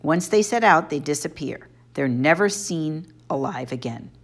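A woman's voice: low voice, animated, moderate pace. A woman voicing an earnest, plaintive young male satyr in an audiobook.

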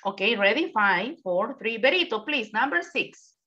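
A woman's voice: fairly high pitch, lively intonation, slow, bright, forceful tone, dull audio. Give me a patient woman English teacher on a call. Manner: explains patiently, switches into English examples. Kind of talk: online class instruction.

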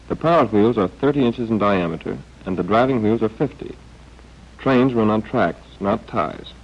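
An American man's fairly low, slightly rough voice narrates a scripted 1940s training film with understated wryness. It was recorded as a film voice-over, and the old soundtrack sounds dull and band-limited.

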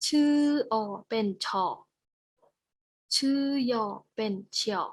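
A woman teaching a beginner language lesson, patient and coaxing, softening almost every phrase with polite particles. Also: on the high side, slow.

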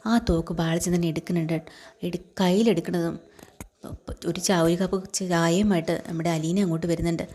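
A woman retells a TV serial episode in an easygoing, conversational way. Her voice sits a little low and sounds mellow and warm, and she drops the characters' lines into her telling as she goes. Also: little pitch movement, brisk, slight background noise. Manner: conversational narration, voicing characters' lines in passing. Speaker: storyteller.

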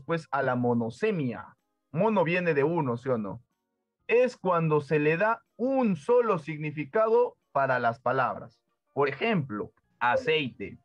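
A man giving a classroom-style lesson, often pausing to ask his listeners whether they follow. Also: a little high, no echo. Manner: keeps asking "¿sí o no?" as a check-in, lively teacherly emphasis. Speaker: teacher. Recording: dull dry lo-fi voice with faint music.

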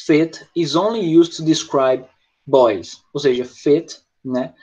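An English teacher with a Brazilian Portuguese accent runs an online class, explaining points, addressing students by name, and answering questions from the chat. His voice is fairly high, slow, and mellow with a breathy edge, and the audio is lo-fi and dull.

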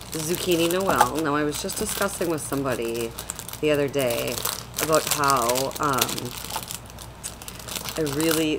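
A woman's voice: a bass voice, background noise. A young woman chatting casually in a home vlog, rambling with lots of fillers, recorded on a desk webcam. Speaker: vlogger. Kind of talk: casual product haul chat. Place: small room at home, indoors.

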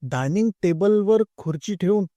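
A man narrating a comic story in an unhurried, expressive reading. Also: high-pitched, no room sound.

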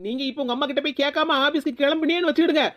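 A woman voicing a young, quick-tempered daughter-in-law in a cartoon, speaking with a Tirunelveli Tamil accent. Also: high voice, fairly even intonation, highs cut off, lightly acted. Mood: complaining. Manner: complaining, rapid, demanding. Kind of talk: cartoon voice acting.

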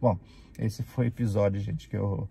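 A man from Brazil with a Brazilian Portuguese accent, telling an animated story casually and acting out the people in it. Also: fairly low pitch, moderate pace, creaky, slight background noise. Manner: animated, acts out the people in his stories. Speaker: vlogger.

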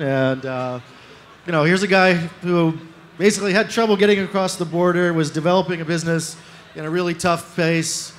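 A man speaking as an early-stage investor on a panel, measured, with frequent fillers. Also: on the high side, slight background noise. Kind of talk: panel discussion. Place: stage in a large tent with an audience. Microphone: handheld mic.

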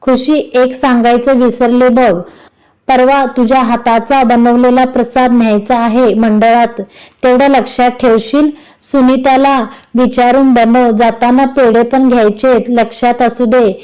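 A bossy older matriarch in a storybook reading, put on by a woman narrator. She scolds and hands out orders in a mellow, smooth voice, pitched a little high. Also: little pitch movement, a little slow, lightly acted, poor audio. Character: stern older woman of the household.

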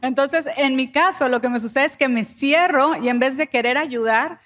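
Woman w a high voice at a church couples talk, calm and measured, lists things out. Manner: calm, measured explaining in listed phrases. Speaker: co-speaker at a couples conference. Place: church conference stage.

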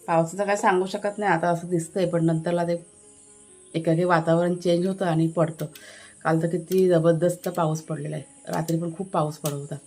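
A family vlogger with a Konkan Marathi accent casually narrates a tour of her village home and garden. Her fairly low, dark voice stays level at a normal speed, with faint music in the background.

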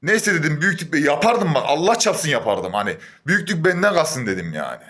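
Young male vlogger, angry rant, higher pitch, mutters then flares up, swears oaths. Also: sing-song, fairly quick, a bit bright. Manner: heated, swings between muttering and raised voice. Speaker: gym-goer venting on camera.

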